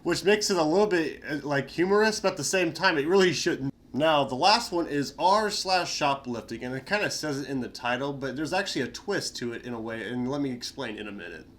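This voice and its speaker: A young male YouTuber gives casual commentary on reddit stories, his voice fairly high, bright and expressive, stuffy and nasal from a cold. He sounds tired yet talks a little fast with hardly any pauses, rambling in a slangy way full of fillers.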